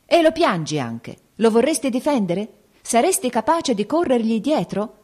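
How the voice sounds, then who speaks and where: In an audiobook, a harsh domineering old baron hurls scornful rebukes at his daughter, as a woman reads him. His voice runs high and loud, straining upward as his temper flares. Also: animated, normal speed, close to an everyday voice. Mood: angry. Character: furious older nobleman father, harsh and domineering. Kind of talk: audiobook character reading.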